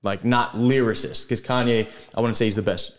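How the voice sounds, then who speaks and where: A man's voice: mid-range voice, steady tone, normal speed. A man co-hosting a podcast in casual interview chat, with an informal, conversational way of talking. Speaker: podcast co-host.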